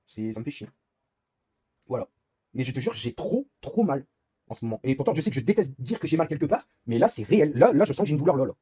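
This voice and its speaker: A man's voice: fairly high pitch, sing-song, quick pace, mellow, husky, dry recording. A young man live-streaming while gaming, rambling in casual chat and swearing often as he complains.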